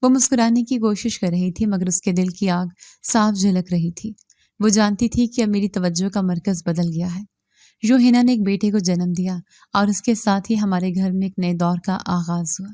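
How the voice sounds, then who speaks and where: A woman reading a moral story aloud as the narrator, in a steady, even manner. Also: medium pitch, no room sound, clean studio sound.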